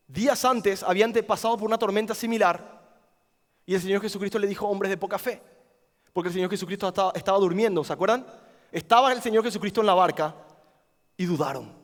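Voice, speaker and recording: A man with an Argentine accent preaching a camp sermon, swinging between loud dramatic outbursts and hushed, quiet pleading. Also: high voice, fast. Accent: Argentine Spanish. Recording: long hall reverb.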